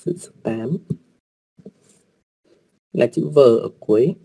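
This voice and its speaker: Gravelly-voiced man teaching patiently. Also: mid-range voice, expressive, slow, warm tone. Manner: patient, repeats words, polite particles, many fillers. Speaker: online language teacher. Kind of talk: explaining writing rules to online learners.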